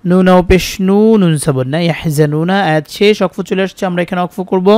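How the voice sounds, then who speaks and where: A man with a Bangladeshi Bengali accent teaching Quran reading, spelling each word letter by letter and then chanting the verses slowly. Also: sits high, steady tone, darkish tone, dry recording. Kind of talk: spelled-out Quran recitation lesson.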